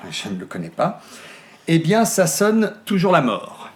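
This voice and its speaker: A man's voice: on the high side, wildly swooping pitch, a little slow, pitched above the performer's own voice. A man doing a cheery radio call-in host. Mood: chirpy.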